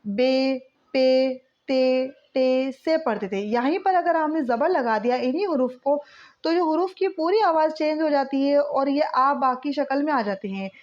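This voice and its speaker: A woman's voice: high-pitched, unhurried, a little mellow, highs cut off. A woman teaching an online language lesson, patiently drilling letters and sounds one by one. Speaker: Urdu teacher.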